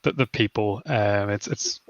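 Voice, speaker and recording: A young adult man from Northern Ireland chats casually as a guest on a stream, rambling and packing his speech with fillers. His voice is on the low side and a little slow. The mic sounds dull and slightly lo-fi, with no room sound.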